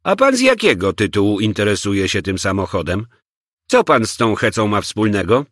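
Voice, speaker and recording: A man's voice: fairly low pitch, very animated, moderate pace, fairly bright tone, no room sound, clean studio sound. A man voicing an inexperienced young patrolman in an audiobook, stiff, officious and easily flustered.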